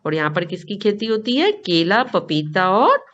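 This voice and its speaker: Hindi-speaking teacher woman, lively quizzing lesson. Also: medium pitch, a little slow, muffled recording. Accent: Indian Hindi. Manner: reads a line, then asks the class and repeats the answer. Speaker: school teacher. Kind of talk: classroom lesson explanation.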